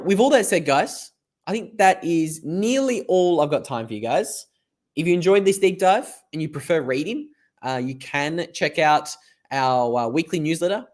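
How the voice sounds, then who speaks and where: A man with an Australian accent hosting a casual live stream, hoarse from a lost voice, rambling and chatty as he reads viewer comments aloud. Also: on the high side.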